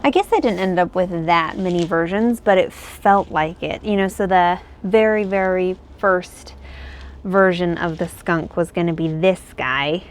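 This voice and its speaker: A crochet pattern designer with a lowish voice talks at a measured pace while showing her crochet work indoors at home. The chat is casual and rambling, as if she's thinking aloud.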